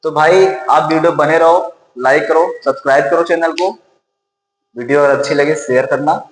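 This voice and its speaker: A man's voice: a little high, fairly even intonation, normal speed, a little hiss or hum. A man teaching a lesson, repeating key points and asking and answering his own questions. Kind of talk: classroom-style lecture. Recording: roomy echo with long reverb.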